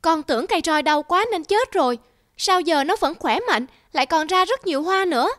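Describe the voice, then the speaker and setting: A woman voicing a young girl in a children's cartoon, pleading in a high, whiny way. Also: animated, fairly quick. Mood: amazed. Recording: loud music bed behind voice.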